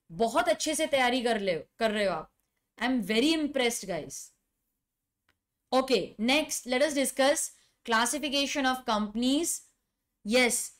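A woman's voice: sits high, fairly bright tone. A middle-aged woman with an Indian accent teaching a live online class, emphatic, repeating key phrases and putting questions to students. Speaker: law teacher.

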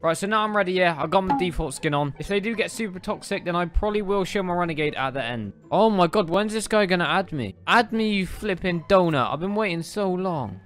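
Excitable guy gaming over music. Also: high-pitched, brisk, few pauses. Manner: excitable, says "mate" a lot. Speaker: gaming YouTuber. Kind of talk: casual gameplay banter.

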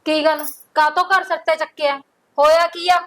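An actress playing a sister-in-law who tries to reason calmly but firmly during a household quarrel. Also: female voice, sits high, moderate pace, natural voice, low-quality recording. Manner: reasoning, firm. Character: calm but firm sister-in-law keeping the peace.

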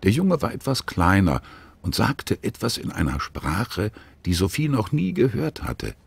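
A man narrating a children's audiobook with gentle, expressive storytelling. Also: lowish voice, unhurried, creaky, husky, dry recording.

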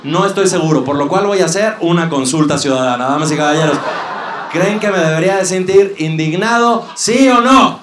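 A young Mexican man doing live stand-up comedy, crude and mocking, shouting punchlines to a laughing crowd on a club stage. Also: on the high side, fairly quick, reverberant, background noise.

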